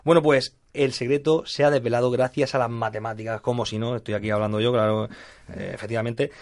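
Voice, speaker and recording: A man's voice: medium pitch, steady tone, a little mellow. A man, a mathematician guest, explaining puzzles and ideas with enthusiasm, in a didactic way. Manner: enthusiastic, didactic, quick-talking. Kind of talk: lively explanatory talk show segment.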